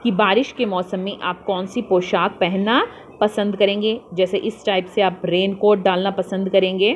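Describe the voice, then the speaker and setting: Woman teacher, patient worksheet walkthrough for kids, mid-pitched voice, dull lo-fi recording. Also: steady tone, moderate pace, a little hiss or hum. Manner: patient, spells out answers and addresses pupils as beta. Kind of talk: worksheet tutorial for young children.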